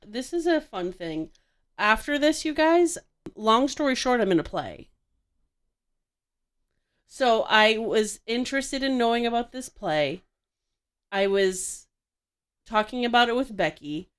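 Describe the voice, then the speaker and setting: A woman's voice: on the high side, lively intonation, unhurried, long pauses. A woman hosting a podcast, chatting casually in a sick voice and often restarting her sentences. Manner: chatty, with frequent restarts and self-corrections. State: sick, congested voice. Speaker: podcast host.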